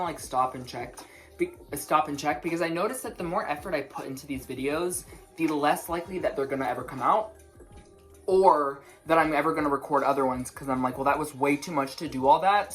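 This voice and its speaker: Young woman, low voice, slight lisp, nervous rambling vlogger with quiet music in the background. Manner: rushed, rambling, self-interrupting, stutters. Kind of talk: casual chat to camera. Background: faint music.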